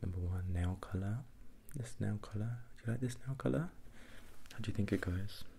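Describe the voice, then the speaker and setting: In this ASMR role-play, a man gives mock eye tests, going over instructions and questions repeatedly as he alternates between a soft voice and a soft, low one. His delivery is brisk and creaky, and a slight hiss or hum can be heard.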